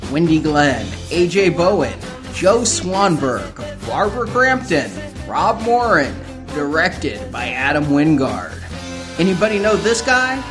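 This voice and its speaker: Slightly high-voiced man presenting film reviews. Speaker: podcast co-host.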